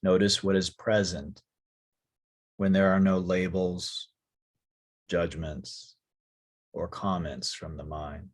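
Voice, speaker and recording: A male teacher guides a yoga nidra meditation in a low-sitting voice. He speaks softly and calmly, in short phrases separated by long pauses.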